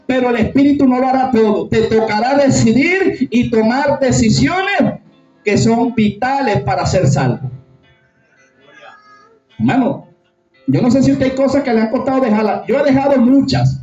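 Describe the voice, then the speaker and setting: A man's voice: very high voice, a little mellow. A man preaching a sermon to his congregation, emphatic, with many rhetorical questions and frequent calls of "brother". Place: church hall. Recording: echoey room, distant mic, dull sound.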